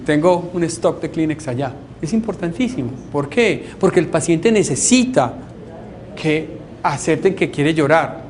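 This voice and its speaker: A man's voice: sits high, darkish tone. Wry Colombian man giving a lecture. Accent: Colombian Spanish. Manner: conversational and wry, often checking in with "¿sí?". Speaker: doctor treating depression. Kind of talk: informal lecture on depression.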